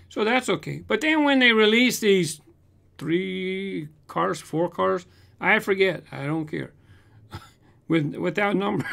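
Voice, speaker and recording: In a home room lined with shelves of toy cars, a Southern California man in his fifties hosts a toy car collector channel, answering viewer comments. His high-pitched, gravelly voice is casual and animated as he gestures with his hands and shows off toy cars in front of a large desk condenser mic.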